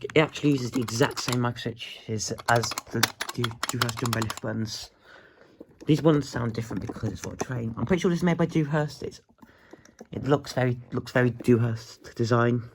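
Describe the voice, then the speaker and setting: A man's voice: mid-range voice, vocal fry, darkish tone, a little hiss or hum. A man hosting a casual show-and-tell vlog, groggy from just waking up, chatty and often restarting his sentences. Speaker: hobbyist video host.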